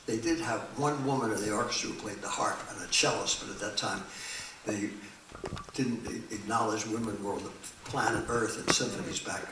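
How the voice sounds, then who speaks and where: A man from the Philadelphia area telling an animated, digressive story between songs at a small music cafe, with restarts along the way. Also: lowish voice. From Philadelphia area, USA. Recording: echoey, distant, noisy live room.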